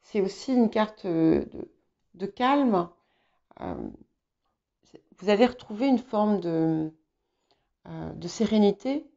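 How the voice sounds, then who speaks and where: Slow, expressive and warm, this woman's medium-pitched voice turns gravelly, with long pauses as she searches for words. A native English speaker hosting tarot guidance videos, she gives an informal, hesitant but reassuring reading on a somewhat dull, muffled recording.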